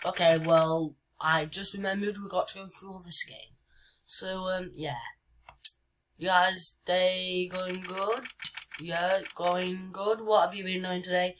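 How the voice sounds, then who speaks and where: A woman giving casual gameplay commentary as a YouTuber, chatty and reading on-screen game text aloud with lots of "uh"s. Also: on the low side. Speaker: gaming YouTuber. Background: background music.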